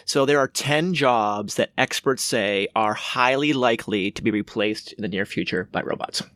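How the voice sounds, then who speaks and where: A man's voice: on the low side, moderate pace, a bit bright, no echo. A man co-hosting a podcast, walking through statistics in a matter-of-fact, casual way. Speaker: podcast co-host. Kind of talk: casual chat.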